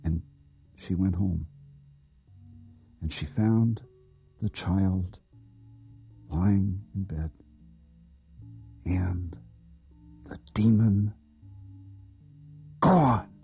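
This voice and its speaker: A man giving a slow, expressive scripture reading. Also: gravelly, husky, dull audio, soft background music. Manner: slow expressive reading with wide pitch swings. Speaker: reader.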